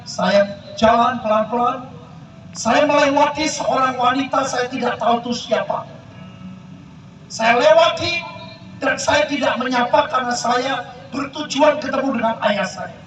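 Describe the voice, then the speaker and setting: An older man preaches a dramatic testimony at an outdoor field event, speaking directly to the crowd. His voice sits very high and carries through a long-echoing sound system, heard from a distance with traffic and open-air noise clearly behind him. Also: unhurried. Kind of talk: sermon testimony. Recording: echoey PA sound from far off.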